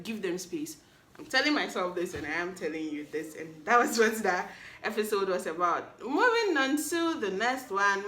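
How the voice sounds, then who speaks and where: A woman in her 20s hosts a solo podcast recap, chatty and playful as she teases the listener. Her voice is medium-pitched and fairly bright, and the room sounds echoey.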